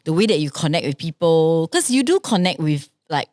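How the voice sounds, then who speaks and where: A young adult woman co-hosting a podcast in casual chat, reflective and quick to murmur agreement. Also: deep voice, big pitch swings, no room sound, clean studio sound. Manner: reflective, backchannels often with soft agreement. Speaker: podcast co-host, singer.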